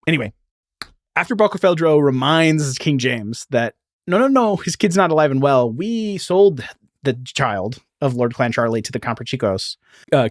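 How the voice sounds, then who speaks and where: A medium-pitched male podcast host tells casual, explanatory stories about film and history, straying into frequent asides. The studio sound is clean, with no room sound.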